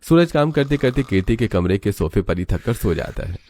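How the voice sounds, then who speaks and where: A man narrating a scripted family story in a steady storytelling manner. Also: fairly low pitch, fairly quick, slight background noise.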